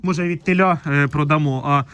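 Man, high pitch, pig farmer, casual vlog chat, fond and scolding with piglets. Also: fairly quick, fairly bright tone, clean tone. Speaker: pig farmer showing his barn. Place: indoor pig pen.

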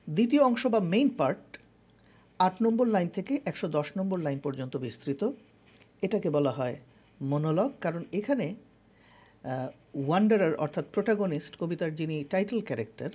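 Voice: medium pitch, darkish tone, slightly rough. A channel host giving a methodical literature lecture, defining each term and mixing English words into the explanation.

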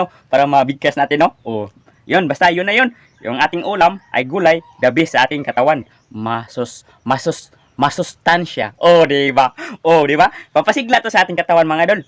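Chatty Filipino man with a lively voice. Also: on the high side, dry recording. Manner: chatty, keeps calling viewers "idol", laughs a lot; stumbles over longer words. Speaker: food and garden vlogger. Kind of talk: casual mukbang vlog chat.

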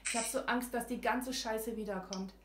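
A woman with a German accent guides a tapping session, speaking short phrases for the other person to echo back and cheering her on. Her voice sits a little high, and the room around her rings with echo and a faint hiss of background noise. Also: fairly even intonation, moderate pace, fairly bright tone. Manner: directive, encouraging, repeats phrases for the other to echo. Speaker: tapping acupressure practitioner.

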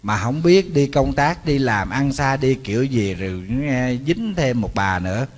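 A man with a Southern Vietnamese accent, a Buddhist monk giving a storytelling sermon, animated and joking, talking straight to his listeners. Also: medium pitch, a little slow, long reverb tail. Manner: animated, joking, addresses audience directly.

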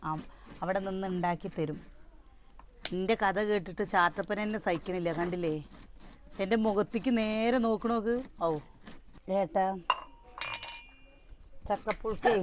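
A woman's voice: medium pitch, noisy background. A woman chatting casually to viewers in a home cooking vlog, talking through a sore throat. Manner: chatty, addresses viewers directly. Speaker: cooking vlogger.

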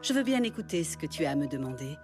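Self-assured cartoon sorceress, slightly low, composed and dryly commanding, music underneath. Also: female voice, big pitch swings, fast talker. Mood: cool, guarded. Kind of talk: French anime dub.

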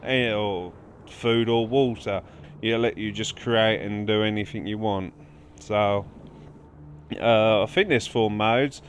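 Guy streaming a game, chatty, mid pitch, faint game sounds behind. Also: slight background noise. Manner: chatty, talks to game creatures while playing. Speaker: gaming livestreamer. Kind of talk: casual let's-play commentary.

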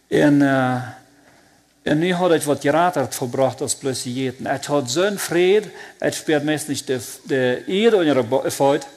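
A man with a Plautdietsch accent giving a personal religious testimony, telling it in an earnest, halting, heartfelt way. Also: medium pitch, a little mellow.

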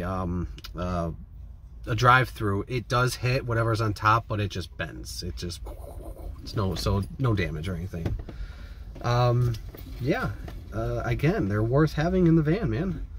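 A lowish, slightly bright voice at a measured pace marks this Midwestern vlogger's informal, rambling talk to camera. He records in a parked van with a phone or camera held out at arm's length, and vehicle sounds and background noise are clearly audible.

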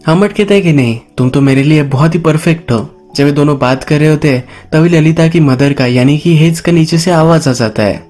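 Male recap narrator, slightly high voice, casual storytelling over soft music. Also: a little fast, few pauses. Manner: casual storytelling, English words mixed into Hindi. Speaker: movie explainer.

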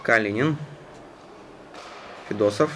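A man giving live hockey play-by-play in a measured, conversational manner. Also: on the low side, fairly bright tone. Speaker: hockey commentator. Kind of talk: live sports play-by-play commentary. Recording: noisy ice rink ambience. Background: arena noise.

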